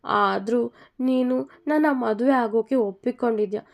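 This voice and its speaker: A woman's voice: fairly high pitch, unhurried, gravelly, a little mellow. A woman voicing a heartfelt young bride in a told love story. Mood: tearful. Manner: tearful, heartfelt.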